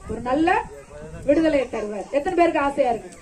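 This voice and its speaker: A woman's voice: sits high, animated, brisk. A woman tells a group of children a Bible story. She keeps asking them questions, answers them herself, and coaxes them along fondly. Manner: coaxing and affectionate with the children. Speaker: children's ministry teacher. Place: outdoors during rain. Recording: children's chatter all around.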